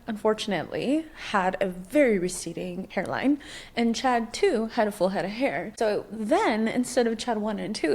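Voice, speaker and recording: A woman's voice: mid-range voice, breathy edge. A woman in her thirties hosting a podcast, talking casually in a rambling way full of "like". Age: 30s. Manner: rambling, filler-heavy, with frequent "like". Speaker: podcast host. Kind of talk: casual chatty monologue.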